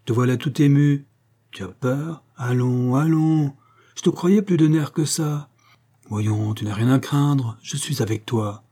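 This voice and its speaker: A man's voice: medium pitch, measured pace, warm tone, pitched above the performer's own voice, lightly acted. A man voicing a stern male detective leading a gang, speaking with commanding scorn. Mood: mocking.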